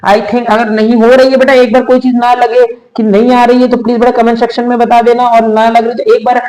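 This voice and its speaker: A man's voice: very high-pitched, flat delivery, brisk, a little mellow. A young man teaching a biology lesson to exam students, repeating key terms and asking questions that he answers himself. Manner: repetitive, coaxing, asks questions and answers them himself. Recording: echoey room.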